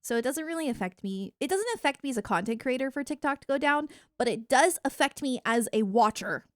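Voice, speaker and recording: An American woman from the United States, a live streamer and content creator, chats casually with her viewers in a rambling, opinionated, informal way. Her voice sits high and sounds expressive and brisk, captured close on a streaming mic with no echo. Music plays in the background.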